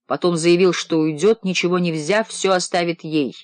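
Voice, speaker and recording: A man reading a first-person novel aloud in a low, measured narrating voice. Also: fairly even intonation, no room sound. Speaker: audiobook narrator. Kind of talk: scripted narration.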